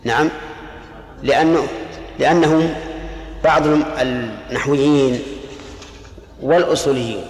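A man's voice: medium pitch, a little slow, long pauses. A man teaching a classroom lecture on jurisprudence, explaining patiently and quizzing his students. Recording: echoey hall recording.

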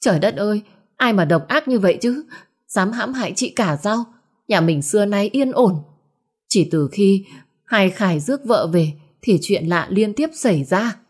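A woman voicing a sharp-tongued, scheming middle-aged stepmother in a storybook. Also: on the low side, lively intonation, moderate pace. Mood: shrill.

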